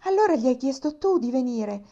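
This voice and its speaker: An eager, bubbly young girl, voiced by a woman reading aloud, bursting with happy exclamations and lifted higher than a grown voice. The tone stays mellow and soft-edged. The storybook recording is dull and lo-fi. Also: brisk. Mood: overjoyed. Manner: excited, exclamatory.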